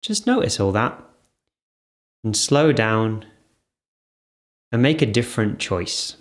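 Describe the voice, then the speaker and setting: Speaking in short phrases separated by gentle pauses, a man leads an off-the-cuff guided meditation. His voice sits lowish, and his intonation is lively.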